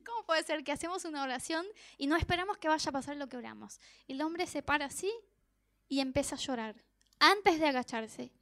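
A woman's voice: high voice, fairly quick. A woman preaching an earnest testimony sermon to her congregation. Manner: earnest, building to excited storytelling.

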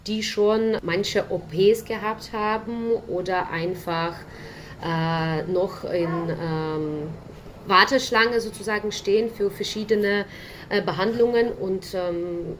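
A woman's voice: medium pitch, a little slow, slight background noise. A woman from Ukraine with a Ukrainian accent, speaking German as a second language with many fillers, interviewed from her home office as a volunteer interpreter. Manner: hesitant, many fillers, non-native grammar. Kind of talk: casual interview talk.

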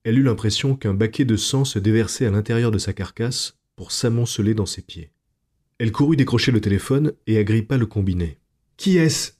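A man narrating a strange short story aloud in a slow, hushed, measured way. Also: lowish voice. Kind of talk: scripted narration of night tales.

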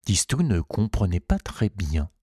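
A man reading a children's storybook aloud in a measured, unhurried way. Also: low-pitched, very animated, mellow, slightly rough, no room sound, clean studio sound. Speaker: narrator.

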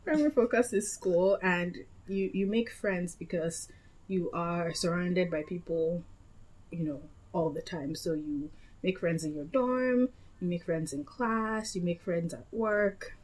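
A young woman from Nigeria in a relaxed conversation, with a slightly low voice. She talks in a meandering way, doubling back and correcting herself mid-sentence. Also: unhurried. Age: young adult. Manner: chatty, meandering, with frequent self-corrections. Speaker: guest. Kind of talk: casual chat.

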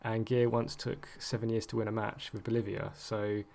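A man's voice: lowish voice, little pitch movement, fairly quick, gravelly, darkish tone. A man co-hosting a podcast, talking casually with lots of ums and easy laughs. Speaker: podcast co-host. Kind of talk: casual chat.

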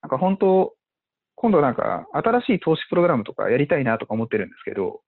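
Male investor guest, animated, husky, tinny phone-like sound. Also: fairly high pitch, fast talker. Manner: animated, many fillers, acts out quotes. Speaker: venture investor. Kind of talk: casual podcast conversation.

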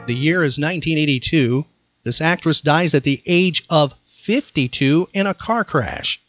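Over background music, a man hosting a podcast alternates quiz questions with easy conversation. His voice is a little high, a bit bright, and a little slow, with no room sound, though the audio is slightly dull overall.

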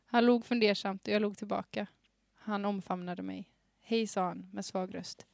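With a medium-pitched, darkish voice that shows vocal fry and fairly even intonation, a young woman podcast host reads out a story from her teenage years while suppressing giggles. She uses a studio microphone and headphones, and the studio-quality sound has no room echo.

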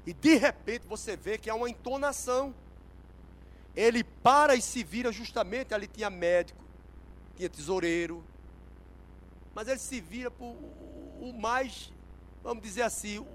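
A man preaching a sermon at a church service. He is emphatic, swinging from hushed asides to shouted exclamations. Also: high-pitched, moderate pace, a little hiss or hum, poor audio.

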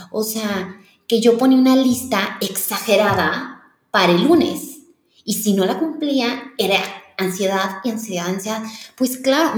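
A woman's voice: a little high, darkish tone. A woman in her thirties, a wedding planner, candidly telling a personal story as an interview guest, earnest and confiding, often restarting her sentences. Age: 30s. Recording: roomy echo.

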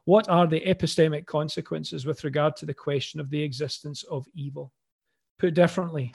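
A man's voice: a little high, darkish tone. A man with a Glaswegian Scottish accent, speaking as the presenter of an academic paper. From Scotland. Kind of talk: reading an academic paper, with informal opening remarks.

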